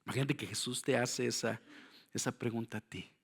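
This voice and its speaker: A middle-aged man preaching a sermon, moving between hushed slow phrases and loud, fervent calls, speaking straight to his congregation with rhetorical questions. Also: mid-range voice, fairly even intonation, gravelly, breathy edge. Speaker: pastor.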